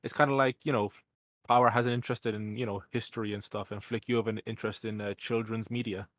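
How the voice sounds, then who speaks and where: A man's voice: fairly low pitch, level tone, fast talker, a bit bright, dry recording. A young man hosting a casual podcast, rambling with many fillers and restarts. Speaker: podcast host.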